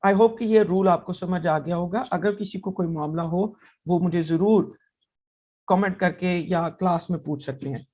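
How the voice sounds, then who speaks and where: A male teacher working through a language lesson at an unhurried, deliberate pace. He explains patiently and sounds out each vowel slowly, one after another. The recording is a little dull and lo-fi. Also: sits high.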